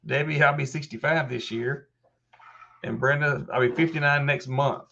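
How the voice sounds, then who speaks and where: A man's voice: medium pitch, fairly even intonation, normal speed, gravelly, sharp tone, muffled recording, a little hiss or hum. A man in his fifties hosting a live question-and-answer stream, explaining step by step in a casual way with many restarts. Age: 50s. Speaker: host of a live help desk stream.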